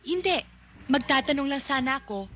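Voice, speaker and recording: A woman's voice: sits high, animated, moderate pace. An actress playing an earnest, feisty young woman in a Filipino comedy film. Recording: muffled noisy film soundtrack.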